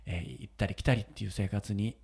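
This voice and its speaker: A man's voice: on the low side, steady tone, quick pace, creaky, darkish tone, breathy edge. A man hosting a casual radio chat, telling a moving story and often breaking into laughter. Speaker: radio show host and wedding photographer.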